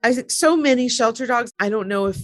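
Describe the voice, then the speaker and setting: A woman photographer, a guest on an interview podcast, telling stories casually with lively restarts. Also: on the high side, brisk, no room sound, studio quality. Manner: animated storyteller, many restarts.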